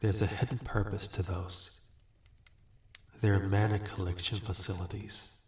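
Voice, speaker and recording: A man voices a bargaining demon in a scripted fantasy roleplay spoken to the listener: ageless, smug, suave and amused, businesslike yet condescending and teasing with unhurried courtesy. His natural voice is on the low side, flat and darkish, heard far from the mic in a roomy echo.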